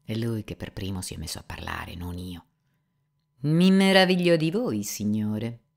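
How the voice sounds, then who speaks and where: A woman reading an audiobook voices a sly, servile male servant who talks in a smooth, unhurried, faintly ingratiating way. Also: extremely low pitch, pitched below the performer's own voice, heavily acted. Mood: insinuating.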